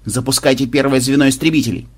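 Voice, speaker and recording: A man voicing a reckless old starship captain who barks his orders loudly. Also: mid-range voice, fairly even intonation, fast, breathy edge, natural voice. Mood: commanding. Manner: loud, barking commands.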